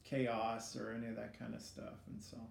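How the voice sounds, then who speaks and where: A middle-aged man, a student teacher being interviewed, speaks in a medium-pitched, monotone, creaky voice. His casual delivery is hesitant, halting, reflective, and self-critical. The room is echoey, with faint background noise.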